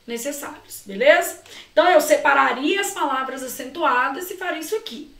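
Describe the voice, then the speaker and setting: A high-voiced Brazilian woman teaching Portuguese to students preparing for an exam. She draws out key words and keeps firing questions at her class. The recording sounds echoey, with her voice a bit far from the mic. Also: a little fast, gravelly, a bit bright. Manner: talks to students directly, often asks them questions and answers herself; stretches out key words and syllables while explaining. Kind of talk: exam-prep lesson walking through questions.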